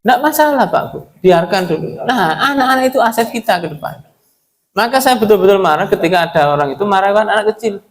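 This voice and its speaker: A man's voice: high voice, expressive, fast talker. A middle-aged man with an East Javanese accent, preaching conversationally at a mosque and often addressing his listeners directly. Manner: conversational, mixes in local Javanese phrases, addresses audience as Pak. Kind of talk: mosque sermon.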